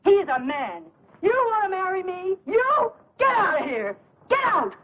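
A woman's voice: very animated, moderate pace. An actress playing a cruel, scornful young woman who laughs at a man and then screams at him, in 1940s film noir style. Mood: furious. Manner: jeering laughter turning to shrill shouting. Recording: tinny noisy 1940s film soundtrack.

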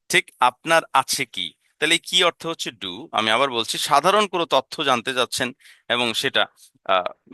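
A man's voice: medium pitch, sharp tone, dry recording, studio quality. A man with a Bengali accent teaching an English lesson, explaining sentences step by step and asking his listeners to look again.

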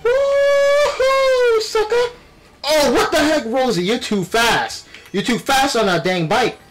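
A man giving animated, playful gameplay commentary with exclamations and trash talk, speaking with a retainer in his mouth. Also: high-pitched, normal speed, faint music behind, rough recording. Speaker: gaming video host. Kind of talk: excited live gameplay commentary.

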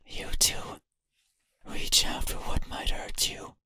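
Woman voicing a whispering eye-stealing spirit. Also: sharp tone. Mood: menacing whisper. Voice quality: breathy whisper. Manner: slow, menacing, cryptic.

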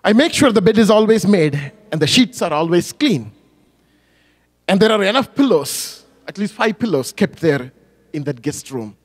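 A male pastor with a fairly high voice preaches a story. He tells it with feeling, his voice climbing and dropping, and he corrects himself mid-phrase now and then. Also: big pitch swings, normal speed. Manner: emotive, rising and falling in pitch and volume; self-correcting with small restarts. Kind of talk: sermon storytelling.

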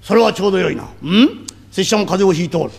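A man's voice: high-pitched, fast, creaky, a little mellow. A man voicing a stern older male samurai patrol official who speaks in stiff, formal, old-fashioned language. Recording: reverberant live hall recording.

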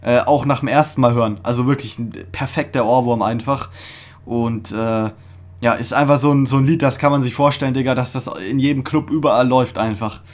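A young man hosting a casual music reaction, talking in an excited, slangy way with many fillers and restarts, recorded in a small room. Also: medium pitch, fairly quick. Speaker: reaction video host. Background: faint music playing.

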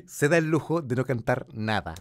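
A man's voice: mid-range voice, moderate pace. A man, working as a vocal coach, giving an enthusiastic song reaction commentary and singing short snippets to show technique. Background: music from the analyzed song.

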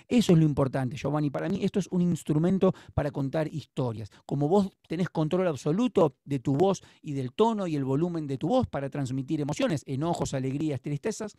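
Patient Rioplatense drum teacher, dry sound. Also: male voice, fairly high pitch, mellow, no echo. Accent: Rioplatense Spanish. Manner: patient, encouraging, explanatory. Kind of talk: online class, explaining to students. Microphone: video call.

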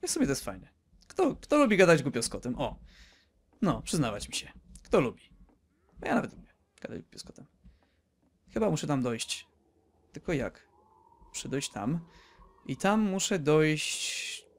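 A man's voice: a little high, big pitch swings, normal speed, long pauses. A man giving casual, joking commentary while playing a video game, rambling, exclaiming and talking to viewers and game characters. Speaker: let's play gamer.

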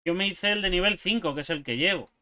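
A young man giving jokey, excitable commentary while playing a survival game, yelping at sudden scares. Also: high-pitched, quick pace, slight background noise. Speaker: gaming YouTuber. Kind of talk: gameplay commentary.

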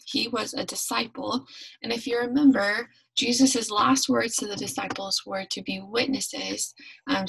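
Recorded on a desk webcam in her bedroom, a young adult devotion leader shares a Bible story for a youth audience, warm and full of ums. She speaks at medium pitch with a gravelly, husky, somewhat bright voice, and the audio is poor.

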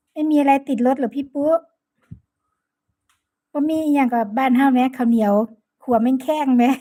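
A chatty woman with a Northeastern Thai Isan accent talks to her live-stream viewers, greeting and thanking each by name. Her voice sits a little high yet sounds mellow and soft. She speaks into a phone. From Sakon Nakhon, Northeast Thailand.

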